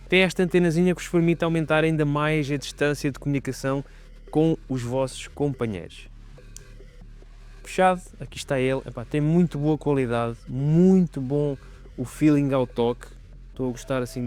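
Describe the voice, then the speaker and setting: Riding his motorcycle outdoors on the road, a motovlogger with a European Portuguese accent reviews gear in a casual, chatty vlog, speaking directly to his viewers. His voice is mid-range, and loud wind and road noise fill the recording.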